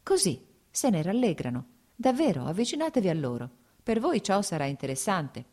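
A woman voicing a weary, sly gentleman hunter. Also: lowish voice, big pitch swings, normal speed. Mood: sly urging. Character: weary sly young male landowner hunter.

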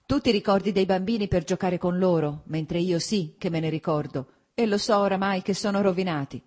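A woman's voice: fairly low pitch, brisk, pitched above the performer's own voice, natural voice. Woman voicing a furious betrayed wife. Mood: resentful. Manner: shouting, cutting, anguished. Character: betrayed weary wife, bitter and fierce.

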